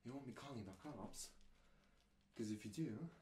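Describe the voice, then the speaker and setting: A man's voice: medium pitch, moderate pace, warm tone, a little hiss or hum, natural voice. A young man playing a mocking, menacing burglar in an ASMR role-play, taunting and foul-mouthed, with question after question. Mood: threatening. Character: menacing, mocking male burglar threatening his victim. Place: small dim room indoors.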